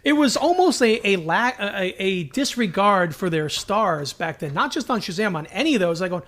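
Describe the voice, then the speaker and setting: Animated and high-pitched, the man speaks at a moderate pace with a slightly bright tone. He co-hosts a podcast where fans casually discuss TV shows, delivering strong opinions emphatically and often in anecdote form.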